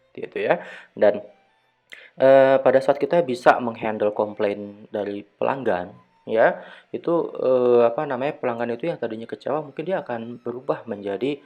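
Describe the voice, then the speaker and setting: A man in his thirties lecturing online to his students, chatty and full of hesitations, asking them rhetorical questions as he goes. His voice sits at an ordinary middle pitch. The recording is a bit muffled, with soft music faintly underneath. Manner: conversational, many fillers and rhetorical questions. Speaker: university lecturer.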